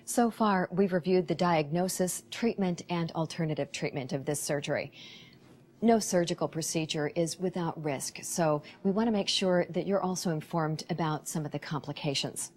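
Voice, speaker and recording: A woman's voice: low voice, normal speed, darkish tone. A woman in her forties presenting scripted patient information in a formal, instructive manner. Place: planted indoor atrium.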